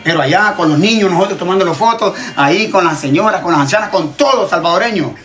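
A man's voice: high-pitched, expressive, fast talker, a bit bright, faint music behind. A Honduran man, a TikTok creator, ranting in casual chat, emphatic and repetitive, swearing freely. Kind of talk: heated casual rant.

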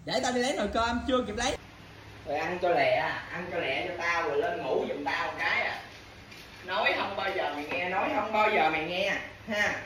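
A woman with a lowish, expressive, fairly bright voice scolds her partner a little fast, returning to the same complaints and toothless threats time after time. The casual household bickering was recorded in an echoey room with faint background noise.

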